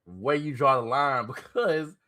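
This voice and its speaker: A man's voice: medium pitch, measured pace, bright, forceful tone. A man co-hosting a podcast, chatting casually and animatedly, often repeating himself and laughing. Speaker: podcast co-host. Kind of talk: casual chat.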